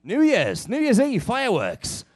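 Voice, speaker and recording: A man's voice: very high voice, huge pitch swings, a little slow. An upbeat, playful man working as a cruise director, hosting a live game show with comic banter.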